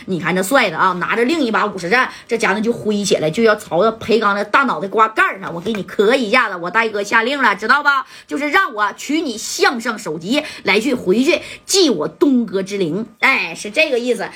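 Storyteller: a woman with a raspy, slightly high voice, spinning a colloquial gangster tale full of sound effects. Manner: lively, mimics sound effects and acts out characters' shouts.

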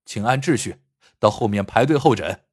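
A man voicing a calm, upright young apprentice doctor who speaks firmly in a spoken story. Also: lowish voice, moderate pace, breathy edge, dry recording, studio quality. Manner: firm, curt.

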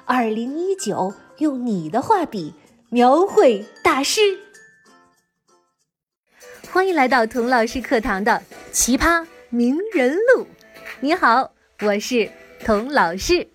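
A woman's voice: on the high side, big pitch swings, a little slow, breathy edge, faint music behind. A woman hosting a children's lesson, telling stories as if reading to a young child, with exaggerated emphasis and frequent questions. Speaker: children's teacher and storytelling show host. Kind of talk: animated storytelling for young children.

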